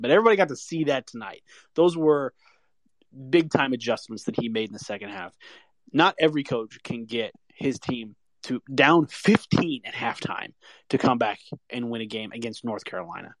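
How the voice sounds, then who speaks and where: A man's voice: medium pitch, animated, moderate pace, no echo, rough recording. An American man co-hosting a live audio chat with casual sports talk.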